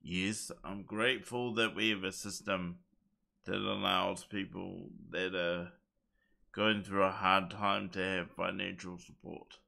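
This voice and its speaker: A man's voice: low voice, level tone, slow, vocal fry, bright, forceful tone. A man co-hosting a livestream, chatting casually in an earnest, emphatic way. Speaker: livestream co-host.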